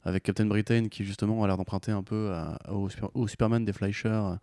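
A man's voice: on the low side, steady tone, fast talker, mellow, no room sound, clean studio sound. A man co-hosting a podcast, laid-back and joking, often hesitant with fillers. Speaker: podcast co-host. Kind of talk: casual chat.

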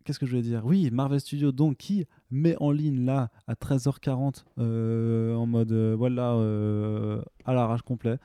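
A man's voice: mid-range voice, steady tone, unhurried, few pauses, mellow, clean tone, dry recording, clean studio sound. A man in his thirties co-hosting a podcast, chatting casually and rambling with lots of fillers and restarts. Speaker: podcast co-host. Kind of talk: casual chat.

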